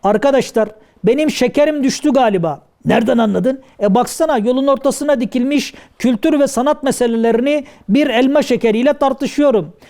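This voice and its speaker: Guy doing karagöz, the clowning shadow puppet everyman, whiny and very high. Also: fairly quick, dark tone. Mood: joking. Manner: plain-spoken, whiny, clowning. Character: blunt clumsy comic everyman, adult male. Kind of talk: traditional shadow puppet play.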